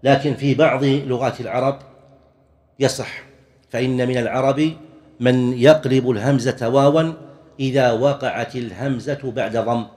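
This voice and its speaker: A man delivering a classroom-style religious lecture at a mid-range pitch. He explains each point step by step in a measured, patient way, now and then clearing his throat or restarting a phrase as he goes. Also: fairly even intonation, darkish tone, long reverb tail. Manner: measured, explanatory, demonstrates pronunciations. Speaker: religious teacher. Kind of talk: classroom lecture on worship rules.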